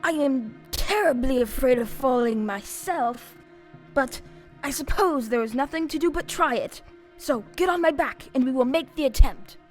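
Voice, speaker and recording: A woman's voice: high voice, lively intonation, normal speed, soft background music. A woman playing a big cowardly lion, plaintive and self-pitying, in a stage audio play. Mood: anxious but willing.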